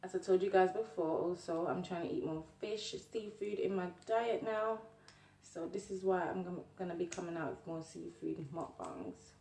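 A woman's voice: fairly low pitch, moderate pace, creaky, a little mellow. A young Jamaican-accented woman chatting casually to viewers while eating, chewing as she talks with her mouth often full. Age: young adult. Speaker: mukbang vlogger. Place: small indoor room at a table. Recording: roomy, distant mic with faint noise.

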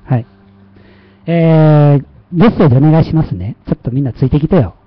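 A man's voice: a little high, a little fast, breathy edge, no echo, highs cut off. A man with a Kansai Japanese accent hosting a casual livestream, chatty and self-mocking, often laughing at himself. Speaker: livestream host.

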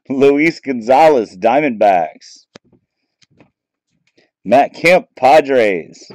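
Very slow, with long pauses, a medium-pitched man opens trading card packs at a table off camera in a small room. He's relaxed and chatty as he calls out names and teams, and the camera mic yields a dry recording.

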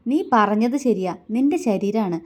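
A woman voicing a proud, bitter young husband who speaks in clipped, scornful questions, raised and forceful, in a storybook romance. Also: mid-range voice, normal speed, close to an everyday voice.

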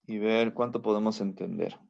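A man teaching a recorded language lesson, slow and patient, repeating each word so it can be pronounced. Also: lowish voice, fairly even intonation, gravelly, darkish tone, lo-fi sound. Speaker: biblical Hebrew teacher.

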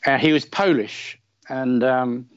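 A man's voice: mid-range voice, slow pace, no room sound, highs cut off. A middle-aged man telling a long personal story as a podcast guest, with plenty of fillers and wry self-deprecating asides. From England. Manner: chatty, many fillers, self-deprecating humor. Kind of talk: casual conversational storytelling.

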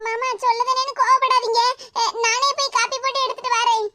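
A performer voicing a meek, gentle young daughter-in-law in a cartoon, soft and polite, with a southern Tamil Nadu accent. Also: very high voice, flat delivery, fast talker, no room sound, clean studio sound, exaggerated voice. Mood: timid. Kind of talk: cartoon voice acting. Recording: loud background noise.

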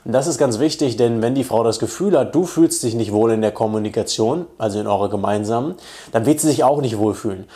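A man's voice: medium pitch, quick pace, mellow. A man giving dating advice as a coach in a direct, confident way. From Germany. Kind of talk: instructional video talk to camera.

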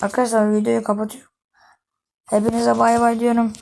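A young woman giving excitable, casual commentary on her own game play to her viewers, with quick oaths when startled. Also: fairly high pitch, creaky. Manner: excitable, swears under breath, talks to viewers. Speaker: gaming YouTuber. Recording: noisy home recording.

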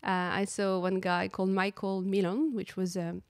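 A woman's voice: medium pitch, level tone, moderate pace, no echo, studio quality. A woman in her thirties from France with a French accent, hosting a casual podcast chat on a couch with a handheld mic and laughing often. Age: 30s. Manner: giggly, many restarts and fillers. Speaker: podcast host, drone pilot. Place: living room couch. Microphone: handheld dynamic mic.

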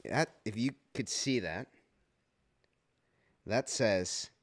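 A voice actor hosting a casual livestream, unboxing fan mail and exclaiming excitedly in a rambling way. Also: male voice, fairly low pitch, extremely slow.

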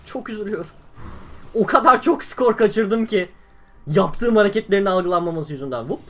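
Lively high-pitched young man gaming. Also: moderate pace. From Turkey. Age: young adult. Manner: excitable, exclaiming and grumbling at the game. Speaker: gaming YouTuber. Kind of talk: live gameplay commentary.

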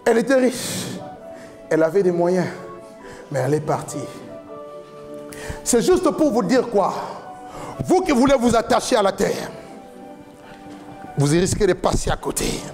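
A man in his forties preaching an impassioned sermon from a church stage into a handheld mic, often shouting in a chanting cadence. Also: high voice, very animated, measured pace, pauses often, soft background music. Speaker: pastor. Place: large church hall with a stage, indoors.

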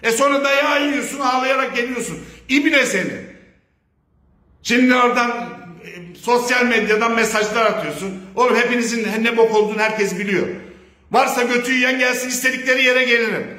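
A man giving a heated, profane, confrontational video message, sometimes breaking into shouts. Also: very high-pitched, brisk, echoey room. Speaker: speaker of a public video statement.

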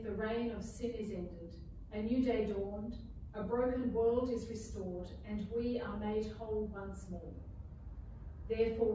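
A woman priest intoning a communion prayer in measured, solemn phrases, with a cathedral echo around her voice. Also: on the high side, warm tone. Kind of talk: liturgical prayer recitation. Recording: echoey church, distant mic, background noise.

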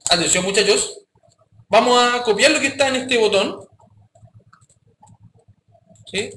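A man teaching a coding class, his voice high and bright. He speaks casually and keeps checking that the students follow. The sound is echoey, with faint background noise. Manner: casual, addresses students directly with frequent checks. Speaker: programming teacher. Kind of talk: live classroom coding lesson.

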